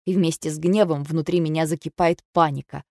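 A woman's voice: low-pitched, fairly even intonation, brisk, darkish tone, no room sound. Woman narrating an audiobook, dry close sound. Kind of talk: first-person audiobook narration.

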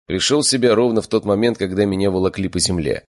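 A man narrates a first-person audiobook in a low voice. His delivery is wry and matter-of-fact. The reading is close and dry, with no room sound at all. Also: quick pace, no room sound.

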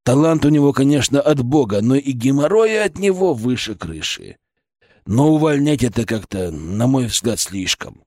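A man's voice: medium pitch, lively intonation, normal speed, darkish tone, dry recording, clean studio sound, lightly acted. A man voicing a sarcastic, nervous, middle-aged male department head who grumbles about his boss. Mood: uncertain.

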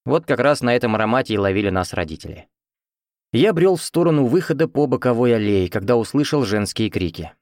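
A man's voice: mid-range voice, animated, brisk, darkish tone, dry recording, clean studio sound. A man reading first-person fiction as an audiobook narrator, in a conversational, wry storytelling manner.

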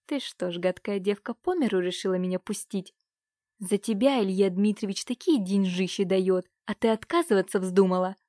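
A woman's voice: medium pitch, normal speed, warm tone, dry recording, clean studio sound, natural voice. A woman voicing a cruel, domineering uncle who scolds and threatens his niece. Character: cruel domineering middle-aged uncle, man.

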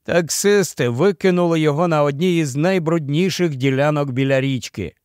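A man's voice: on the high side, moderate pace, darkish tone, clean tone, dry recording. Dry, close male audiobook narrator.

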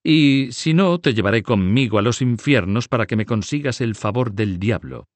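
A man's voice: mid-range voice, lively intonation, moderate pace, no echo, voice pushed up, natural voice. A man voicing a huge, brash nobleman who speaks bluntly and commandingly. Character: giant boisterous nobleman, count, brash.

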